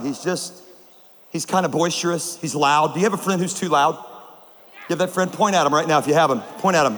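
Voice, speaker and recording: A man preaching a comedic sermon to a large crowd, telling stories with animated bursts of shouting. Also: a little high. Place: large auditorium with a live audience. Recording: long hall reverb, faint ambience.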